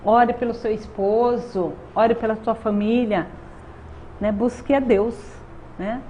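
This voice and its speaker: A woman's voice: fairly high pitch, steady tone, slow, warm tone. A woman in her thirties with a Brazilian accent, giving an earnest faith testimony as an interview guest and often adding "né?". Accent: Brazilian Portuguese. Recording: dull lo-fi sound with faint noise.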